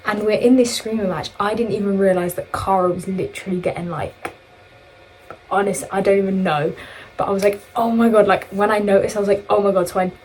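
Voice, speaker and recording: A young woman from England talks straight into her phone while she gets ready at home. Her pitch sits in a plain middle range. She rambles through a story with lots of fillers and quoted lines, and a faint room ambience runs behind her. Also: steady tone, a little fast, darkish tone, slight background noise, low-quality recording. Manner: chatty, rambling, full of fillers and quoted dialogue. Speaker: vlogger. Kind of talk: casual storytime chat while getting ready.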